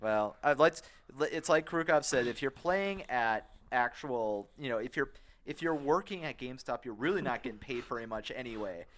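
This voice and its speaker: A man's voice: medium pitch, lively intonation, moderate pace, fairly bright tone. A young man co-hosting a gaming podcast, joking around and laughing often in casual chat. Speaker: podcast co-host.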